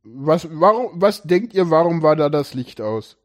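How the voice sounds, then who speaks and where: A man's voice: on the high side, lively intonation, unhurried. A man hosting a casual group podcast chat, telling stories with many restarts and fillers. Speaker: podcast host.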